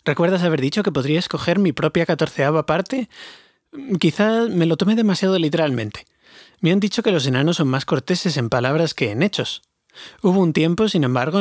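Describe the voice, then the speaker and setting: A nervous, polite little hobbit pleads his case in a raised, fussy voice, as a man puts him on. The tone stays husky and dry, read close to the mic. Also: fairly high pitch, no room sound, voice pushed up. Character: small timid male hobbit, polite and nervous.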